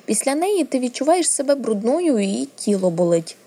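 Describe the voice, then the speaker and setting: Woman doing a proper young girl, primly indignant, mellow, soft. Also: fairly high pitch, very animated, moderate pace, slightly rough, pitched above the performer's own voice, full character voice. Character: prim, proper young noble girl, easily annoyed.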